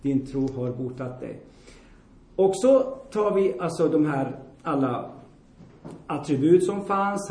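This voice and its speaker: A man preaching a forceful sermon in a blunt, emphatic way. His voice sits high for a man yet sounds mellow and dark in tone. A roomy, echoing church hall surrounds him. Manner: blunt, emphatic, repeats for stress; addresses the congregation with questions.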